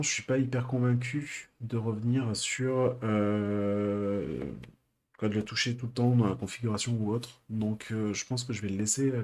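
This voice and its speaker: A man streaming a live coding session, thinking aloud with many pauses and fillers. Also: medium pitch, darkish tone.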